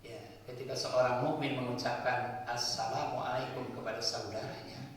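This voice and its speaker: A man's voice: mid-range voice, flat delivery, moderate pace, a little hiss or hum. A male preacher gives a sermon, explaining point by point and asking and answering his own questions. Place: mosque hall. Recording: echoey hall, voice from far off.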